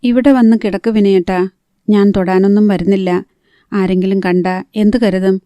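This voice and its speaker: A woman's voice: mid-range voice, fairly even intonation, moderate pace, warm tone, no room sound, close to an everyday voice. A woman reading the part of an anxious, practical young woman who pleads earnestly and keeps her voice down. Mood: pleading.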